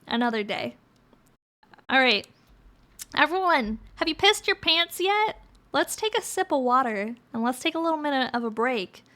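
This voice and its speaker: A woman's voice: high-pitched, animated, moderate pace, fairly bright tone. A woman with a cute anime-streamer delivery, hosting a livestream of spooky story reading and chat. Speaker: livestream host.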